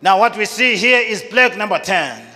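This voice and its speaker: A middle-aged male pastor with a high, bright voice preaches into a handheld mic in a large church hall. He speaks in short, repeated phrases and leaves pauses for an interpreter. The hall adds a long, ringing reverb. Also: lively intonation. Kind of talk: sermon with prayer, paused for interpreter.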